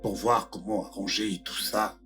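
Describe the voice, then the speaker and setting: A man's voice: fairly low pitch, steady tone, unhurried, bright, forceful tone, faint music behind. A man voicing a middle-aged father who apologizes and pleads in a dubbed film drama. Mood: pleading. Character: contrite middle-aged father begging forgiveness. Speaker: father apologizing for his son.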